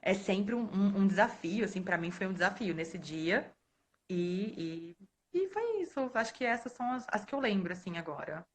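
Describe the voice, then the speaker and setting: A woman in her thirties from Brazil, a librarian telling stories in a relaxed way, laughing often and acting out the voices of the people in them. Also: medium pitch, normal speed. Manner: animated, laughs often, acts out quoted voices. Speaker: guest speaker, librarian. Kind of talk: casual storytelling in a live talk. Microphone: phone or webcam on a live stream.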